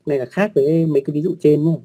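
A man's voice: fairly high pitch, fairly even intonation, rapid-fire, warm tone. A man teaching an online lesson on writing rules, speaking patiently with polite particles, frequent fillers and repeated words.

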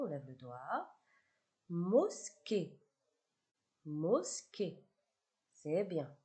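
A woman teaching a primary school phonics lesson, speaking slowly, clearly articulating each word twice and praising the children often. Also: sits low, mellow. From Morocco.

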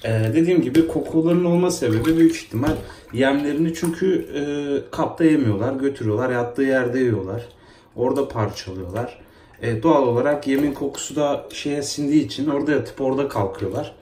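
A pet vlogger with a warm, mid-range voice talks a little fast to his phone camera while bathing his pets by the tub at home, coaxing and scolding them in a casual video. The echoey bathroom carries the sound of running water and splashing in the tub.

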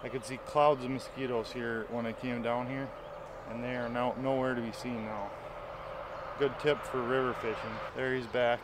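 Background noise accompanies a man in his thirties speaking in a level, mid-range voice at a normal speed. He's a fishing vlogger casually addressing the camera on a small river bank and in a canoe, enthusiastic and chatty, explaining as he fishes in this outdoor vlog.

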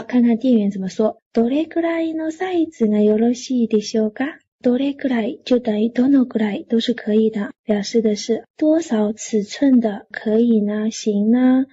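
A woman's voice: a little high, dark tone, husky, lo-fi sound. A woman teaching a classroom grammar lecture, reading example sentences aloud and then explaining them patiently for students. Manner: explains patiently, reads Japanese lines then translates. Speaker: Japanese language teacher.

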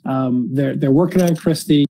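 A man hosting a casual discussion, speaking haltingly and often repeating words as he feels out each sentence. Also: mid-range voice, vocal fry, mellow. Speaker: podcast host. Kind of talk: casual discussion of a criminal case.

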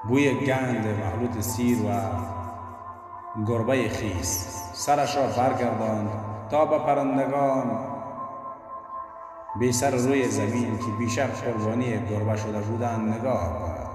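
A man narrating an audiobook with a steady storytelling delivery. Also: mid-range voice. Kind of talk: scripted narration. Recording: echoey long reverb with background music.

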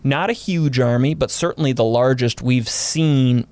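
A man's voice: mid-range voice, a little slow, a little mellow, no room sound. A man, a historian guest on a podcast, explaining military history in a casual but detailed way, running through units and dates.

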